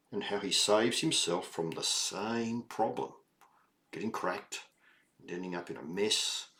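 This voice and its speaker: An older man with a low voice reads a children's story aloud. He's deliberate and emphatic, pausing for explanatory asides aimed at young listeners.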